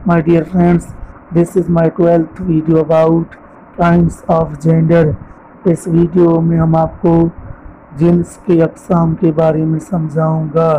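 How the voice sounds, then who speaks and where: A man teaching English vocabulary, listing word pairs with translations in a slow, deliberate way. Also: a little high, completely flat delivery, dark tone, a little hiss or hum, rough recording.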